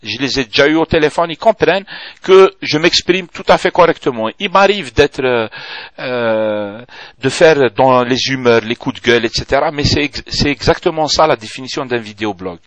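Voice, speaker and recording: A man's voice: medium pitch, lively intonation, moderate pace, dry recording. A man with a strong Algerian accent, talking bluntly and defiantly to camera as a video blogger and mixing French with Algerian Arabic. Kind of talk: casual video blog reply.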